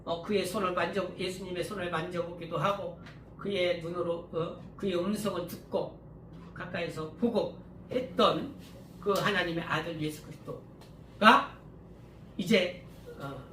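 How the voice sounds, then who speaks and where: High-voiced pastor preaching in an echoey church. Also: male voice, measured pace. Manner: conversational preaching, often asks listeners to agree; many fillers and restarts, sudden rises in volume. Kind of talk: sermon. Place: church hall. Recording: echoey room, mic at a distance, faint background hum.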